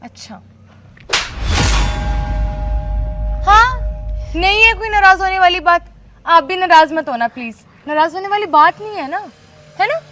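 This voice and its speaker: A woman's voice: very high voice, expressive, moderate pace, pushed and bright, faint music behind, heavily acted. A woman playing a rude, arrogant young woman who mocks and insults her elders in a short acted skit. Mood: mocking. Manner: sneering, mocking. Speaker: rude ex-girlfriend.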